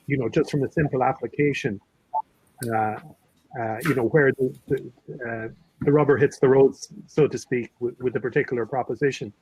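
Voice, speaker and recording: A man sitting on a judging panel offers his comments haltingly, his speech full of fillers. His pitch sits in the middle range. The recording sounds dull and dry. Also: darkish tone, dry recording. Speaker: judge. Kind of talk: panel remarks.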